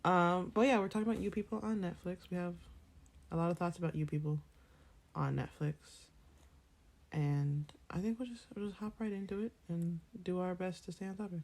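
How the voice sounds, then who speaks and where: A woman's voice: lowish voice, brisk, a little mellow. A young woman co-hosting a podcast, chatting in a jokey, chatty way. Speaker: podcast co-host. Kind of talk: casual chat.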